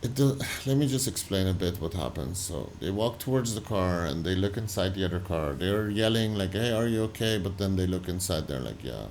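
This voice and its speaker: Man, reaction video host, lower pitch, loose halting commentary, faint background noise. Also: a little mellow. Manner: loose, halting, full of "like" and restarts. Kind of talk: casual commentary over footage.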